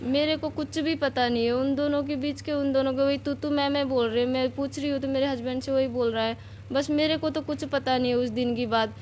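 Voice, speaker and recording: A woman's voice: sits high, fairly even intonation, fairly quick, a little mellow. Shaken woman from Nepal, faint background noise. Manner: rambling, shaken, plain retelling. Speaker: interviewee, assault victim. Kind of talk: news interview answers.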